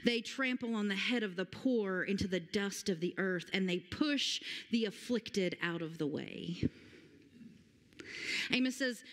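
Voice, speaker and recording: A woman, preaching a sermon from a church stage and reading scripture with slow, emphatic stress. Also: a little high, fairly bright tone. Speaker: pastor. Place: large church sanctuary stage. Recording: long hall reverb.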